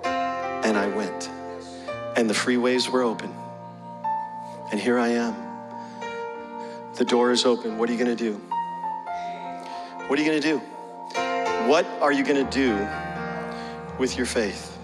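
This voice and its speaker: A man's voice: mid-range voice, unhurried, pauses often, big-room sound, over music. A male pastor preaching a sermon, telling a story and then pressing the congregation with repeated questions.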